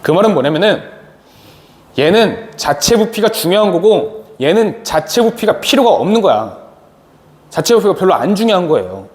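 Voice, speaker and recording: A man's voice: sits high, big pitch swings, moderate pace. A man teaching a chemistry lecture, asking questions and answering them himself. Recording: long reverb, faint noise.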